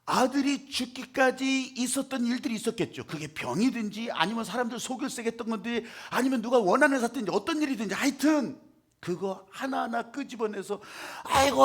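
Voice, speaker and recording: A man preaching a sermon as pastor, dramatic, acting out quoted voices and swinging between shouts and hushed lines. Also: very high-pitched, breathy edge.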